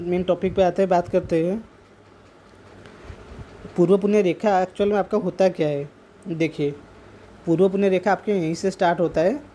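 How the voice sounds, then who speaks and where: A man's voice: high-pitched, mellow, slight background noise. A man working as a palm reader, casually explaining to camera, repeating and rephrasing his points and mixing in English terms. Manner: sprinkles English terms into speech.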